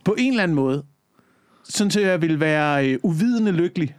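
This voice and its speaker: Hesitant man, high voice. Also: expressive, smooth, no room sound, studio quality. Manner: hesitant, stumbling, argumentative. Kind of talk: casual podcast chat.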